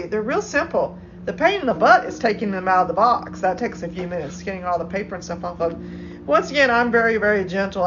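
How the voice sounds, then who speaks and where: A woman's voice: medium pitch, lo-fi sound, background noise. Chatty woman rambling on a phone stream. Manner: rambling, chatty, many restarts. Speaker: live streamer. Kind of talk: casual chat.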